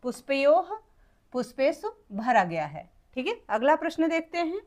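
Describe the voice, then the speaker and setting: High-pitched woman, patient schoolteacher reading exercise answers aloud, repeats each answer and checks in with the class. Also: very animated, darkish tone. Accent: Hindi. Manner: reads word forms slowly and clearly. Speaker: teacher. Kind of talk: explaining textbook exercises to children.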